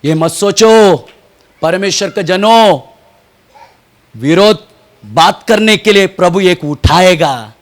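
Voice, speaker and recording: A man preaching a fervent sermon as pastor, moving between shouted peaks and hushed asides, often asking questions and answering them himself. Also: high voice, expressive, takes it slowly, long pauses. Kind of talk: impassioned Hindi sermon.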